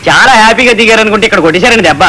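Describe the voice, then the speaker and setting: Comic schemer played by a man: fast, bright, high-pitched. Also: background noise, lightly acted. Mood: scheming. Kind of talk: comic film acting.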